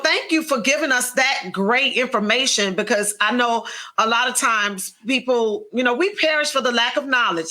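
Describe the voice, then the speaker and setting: A woman hosts a podcast conversation with a bright, slightly high voice. She speaks earnestly and encouragingly, with faith running through her words. Her tone is warm in intent and steady. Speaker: podcast host.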